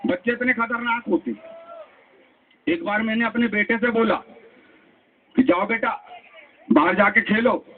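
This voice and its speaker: A man's voice: very high-pitched, fairly even intonation, slight background noise. A man doing live stand-up comedy, telling jokes and switching into voices for his characters. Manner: joke-telling with quick voice switches between characters. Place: outdoor stage at a town festival. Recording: lo-fi phone-like stage recording.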